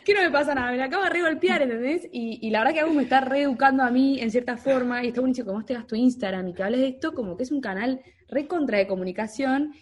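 A woman's voice: high-pitched, quick pace, hardly any pauses. A woman with a Rioplatense accent chatting casually, telling anecdotes and acting out quotes. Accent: Rioplatense Spanish. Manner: animated storyteller, acts out quotes. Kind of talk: casual chat.

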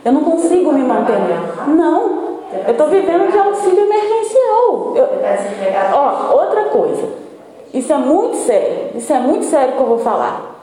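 A Brazilian woman in her forties, speaking as a patient, giving a halting personal account full of restarts. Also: high voice, big pitch swings, very echoey, crowd noise, poor audio. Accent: Brazilian Portuguese. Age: 40s. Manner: halting, many restarts and self-corrections.

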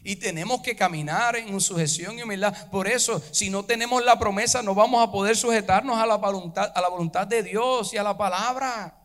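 A male pastor preaches fervently, speaking to his congregation directly and rising into chanted preaching at the peaks. His fairly bright voice sits high and moves a little fast, with few pauses.

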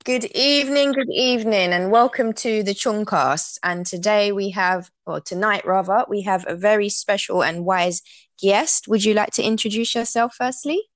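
A woman hosts an online podcast, greeting and questioning her guest in polite, formal phrasing. Her voice sits at a middle pitch. It comes through a dry, close recording with no room sound. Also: normal speed, dry recording. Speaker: podcast host. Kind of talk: casual interview hosting.

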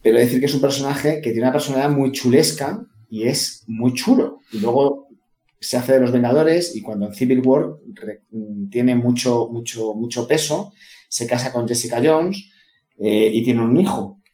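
A man's voice: mid-range voice, moderate pace, warm tone. A man, co-hosting a casual podcast chat about comics and telling stories about them with enthusiasm. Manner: enthusiastic, storytelling. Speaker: podcast co-host. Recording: echoey room with faint music.

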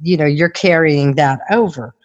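A woman's voice: deep voice, moderate pace, long reverb tail, muffled recording. A woman host chatting casually, explaining things in a conversational way. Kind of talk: casual chat explaining studies.

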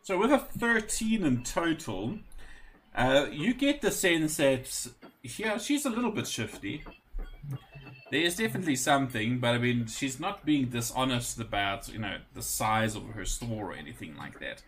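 Man, game master, relaxed narration, bright tone, faint background hiss. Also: medium pitch, normal speed.

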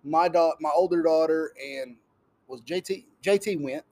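A man's voice: fairly high pitch, normal speed, mellow. A married man chatting casually with friends, telling a story with enthusiasm. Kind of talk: casual chat.

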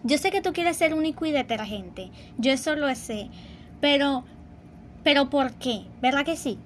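Fast-talking young woman, teasing rants. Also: high-pitched, expressive, a little hiss or hum. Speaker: podcast co-host. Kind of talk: casual chat.

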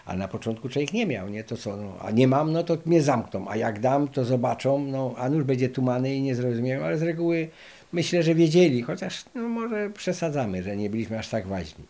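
An older man from Poland with a gravelly, creaky voice recalls his past in a lively, rambling way, full of fillers and asides. He speaks at a middle pitch and tells his story as an interviewee. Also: fairly quick. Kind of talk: oral history storytelling.

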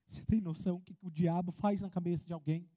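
A man preaching a sermon as pastor, in an animated way. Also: high voice, fast talker, in a large hall. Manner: animated preaching, acts out congregants' voices.

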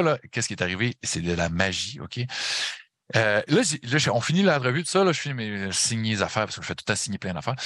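A middle-aged man with a Québécois accent telling a story in casual chat, animated and slangy, swearing and slipping into English. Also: medium pitch, dry recording, clean studio sound. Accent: Québécois French.

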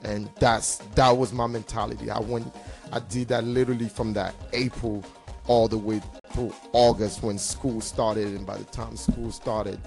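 Male, gravelly low voice; confident, slangy interviewee talking casually. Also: little pitch movement, moderate pace, a little mellow, faint music behind. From Cameroon. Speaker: DJ and hype man being interviewed.

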